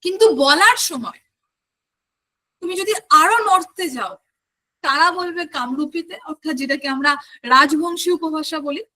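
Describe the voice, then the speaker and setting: High, bright-voiced woman teaching a class. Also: moderate pace, pauses often. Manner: explains step by step, asks the class questions. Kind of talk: online exam-prep lecture.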